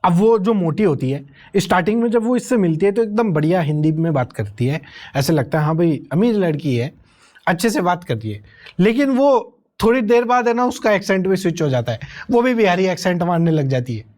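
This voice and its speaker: A man's voice: high-pitched, animated, brisk, a little mellow. A young man giving a sarcastic, rambling comedic review of a film, incredulous at the plot. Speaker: movie reviewer. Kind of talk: comedic movie review rant.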